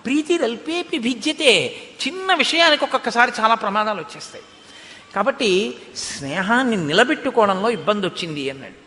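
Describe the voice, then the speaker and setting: A man with a Telugu accent giving a storytelling religious discourse, animated and putting rhetorical questions to his listeners. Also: high voice, fast, in a large hall.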